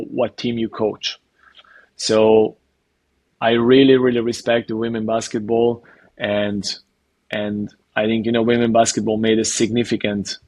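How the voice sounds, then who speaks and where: A man with a Hungarian accent, a basketball coach, answering interview questions in a halting way, leaning on "you know" and repeating words as he thinks. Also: lowish voice, dry recording.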